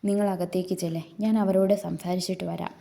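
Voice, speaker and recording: A woman reads a stern, protective young husband in an audio love story, speaking firmly and steadily. The voice sits soft and mellow. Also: lowish voice, flat delivery, fast talker, creaky, slight background noise.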